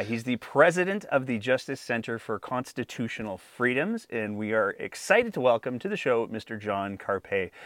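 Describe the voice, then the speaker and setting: A man's voice: mid-range voice, no room sound. A man hosting an interview podcast, speaking carefully with many fillers and hedges. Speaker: podcast host. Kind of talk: interview podcast, scripted intro.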